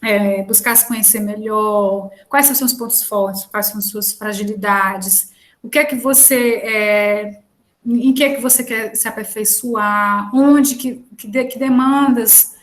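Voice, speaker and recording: A woman's voice: mid-range voice, fairly even intonation, unhurried. A woman giving an online lecture in a conversational way, with frequent fillers and restarts.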